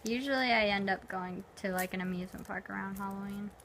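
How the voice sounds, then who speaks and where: A young woman with a slightly creaky voice, talking casually in short personal remarks. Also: mid-range voice, fast talker, fairly bright tone, a little hiss or hum. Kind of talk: casual chat.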